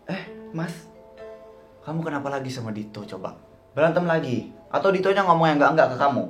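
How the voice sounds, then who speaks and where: A man voicing a scheming stepmother who speaks sweetly and softly to her husband. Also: on the high side, animated, fairly quick, soft background music, lightly acted. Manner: sugary, ingratiating.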